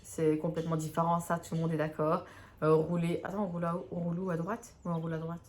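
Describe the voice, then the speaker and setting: A woman's voice: lowish voice, flat delivery, quick pace, darkish tone. A young woman chatting casually in a vlog, hesitant and self-mocking. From Belgium. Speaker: vlogger.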